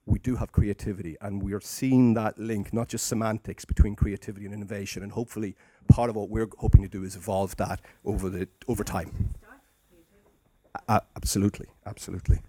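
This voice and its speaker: A man's voice: on the low side, steady tone, fairly quick, dark tone. A man with an Irish accent chairing a conference discussion, speaking off the cuff. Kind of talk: moderating conference discussion, unscripted.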